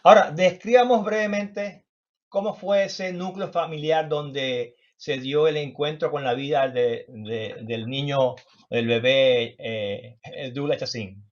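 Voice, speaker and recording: A man's voice: on the high side, fairly even intonation, takes it slowly. A Venezuelan man speaking in a courteous, formal way as an interview host. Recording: dull, band-limited audio.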